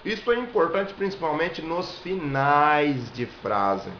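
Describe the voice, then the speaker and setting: A man's voice: fairly high pitch, sing-song, takes it slowly, fairly bright tone. A Brazilian man giving a singing lesson, explaining step by step and demonstrating vowel sounds. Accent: Brazilian Portuguese. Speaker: singing and viola teacher. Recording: echoey room, dull lo-fi sound, faint hiss.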